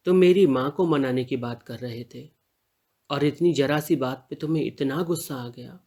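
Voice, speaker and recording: A man reading the part of a male truck driver in an audio story, calm and reassuring toward his partner. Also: medium pitch, normal speed, natural voice. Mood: tender. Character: male truck driver, protective and teasing lover.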